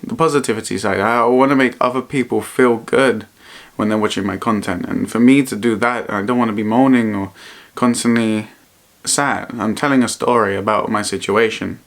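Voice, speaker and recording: Low-pitched man, earnest and halting. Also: fairly even intonation, a bit bright. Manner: earnest, halting, repeats phrases. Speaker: vlogger. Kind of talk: personal vlog to camera, reflective talk.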